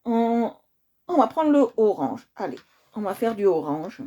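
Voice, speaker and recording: Warm, chatty woman hosting a coloring stream. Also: medium pitch, very animated, unhurried. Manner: chatty, often checks in with viewers and repeats herself. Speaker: coloring livestream host. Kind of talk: casual livestream chat while coloring.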